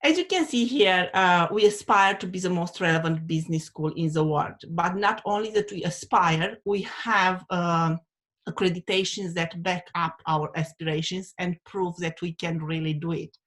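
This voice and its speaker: A woman's voice: fairly low pitch, normal speed, fairly bright tone. A woman from Romania, presenting as a university dean on a video call, with hesitant speech full of fillers. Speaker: undergraduate dean. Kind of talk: webinar presentation.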